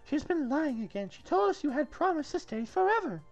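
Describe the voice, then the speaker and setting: A woman's voice: sits high, sing-song, a little fast, muffled recording, soft background music. Woman playing a gushing, flirtatious castle maiden, Zoot. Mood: scolding. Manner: theatrical, gushing, insistent. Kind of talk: comic script read-through.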